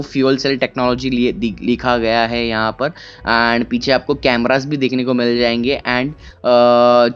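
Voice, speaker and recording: Young male car vlogger, 20s, casual walkaround delivery mixing in English, clear voice on a slightly muffled camera mic. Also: medium pitch. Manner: casual, Hindi mixed with English, many "uh" pauses. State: tired but excited. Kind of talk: walkaround review vlog. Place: large indoor expo hall, walking through a bus.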